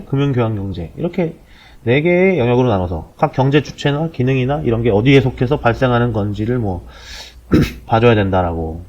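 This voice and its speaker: A man in his forties talks through the topic like a podcast host, blunt and sardonic, his pitch rising and falling a lot as he rattles along quickly. The sound is a dull, low-bitrate recording. His tone is casual and slangy throughout. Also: a little mellow. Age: 40s. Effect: low-quality compressed audio. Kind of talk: casual explanatory monologue.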